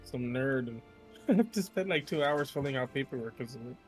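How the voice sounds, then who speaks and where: A man chatting casually with a friend on voice chat, teasing and swearing, quick to laugh. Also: medium pitch, expressive, faint music behind. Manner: teasing, profane, laughs easily.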